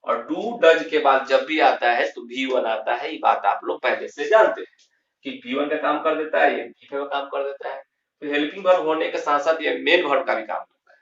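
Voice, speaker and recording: A man teaching English grammar in a lesson, slow and emphatic, repeating key terms and answering his own questions. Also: mid-range voice, vocal fry, fairly bright tone. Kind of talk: classroom lesson explaining grammar. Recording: roomy, distant, dull lo-fi sound.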